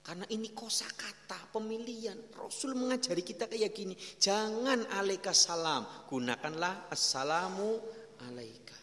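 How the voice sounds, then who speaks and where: Middle-aged javanese guy preaching, lively stories, kinda high voice, long hall reverb. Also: normal speed. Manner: lively storytelling, mixing in Javanese phrases. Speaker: kyai teaching a religious study. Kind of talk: sermon.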